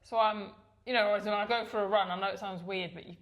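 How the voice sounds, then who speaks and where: A woman, talking casually on a podcast. Her voice sits mid-pitch, and she's chatty and self-deprecating, laughing often at herself. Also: steady tone, fast. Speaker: podcast co-host. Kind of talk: casual chat.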